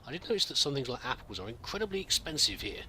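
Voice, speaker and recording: A man's voice: medium pitch, big pitch swings, fast talker, background noise. A man giving casual, rambling game commentary, musing aloud hesitantly and politely as he plays. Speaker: gamer narrating a roleplay playthrough.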